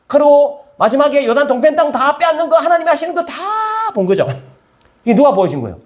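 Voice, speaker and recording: A male pastor delivers a conversational sermon and keeps asking the listeners questions. His voice sits high for a man. His pitch jumps around with lots of movement. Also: fairly quick. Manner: conversational, animated, asks the congregation questions.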